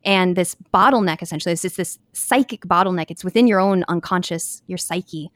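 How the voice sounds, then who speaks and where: A woman's voice: brisk, no room sound, clean studio sound. A woman co-hosting a casual podcast chat, acting out quoted thoughts in a raised voice. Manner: animated, acts out quotes in a high voice. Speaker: podcast co-host.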